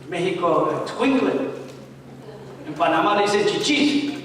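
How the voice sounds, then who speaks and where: A man's voice: high voice, animated, measured pace, a bit bright. A man preaching a sermon in a church, emphatic and full of storytelling with joking asides. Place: church hall. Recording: echoey hall, distant mic, noisy.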